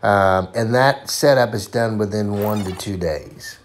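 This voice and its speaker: A man's voice: lowish voice, measured pace, slight background noise. A man narrating a walkthrough of a home factory as a dealer, enthusiastic and casual, with frequent ums and uhs.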